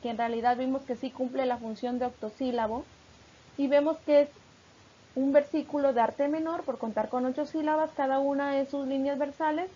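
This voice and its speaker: A woman from Mexico, a teacher narrating a recorded lesson, explaining patiently and reading examples slowly. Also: high-pitched, warm tone, dull audio.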